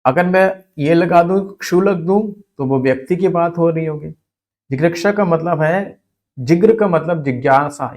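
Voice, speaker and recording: A man teaching a Hindi spelling lesson for exam students, repeating each word slowly so it sticks. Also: fairly high pitch.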